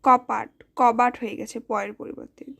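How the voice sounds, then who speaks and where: Woman teacher, slow and deliberate, gravelly fry on a fairly high voice, spells out each sound. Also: flat delivery, a bit bright. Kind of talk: spoken grammar lesson.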